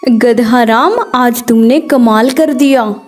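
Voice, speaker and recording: A woman's voice: a little high, slow pace. A woman voicing a plump, cheeky female hen in a cartoon story, bold and teasing. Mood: cheerful.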